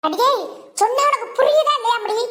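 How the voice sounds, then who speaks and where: A woman voicing a strict, shrill middle-aged village mother who scolds her daughter in a cartoon. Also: a little fast, echoey room, very noisy. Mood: scolding. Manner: shouting and scolding.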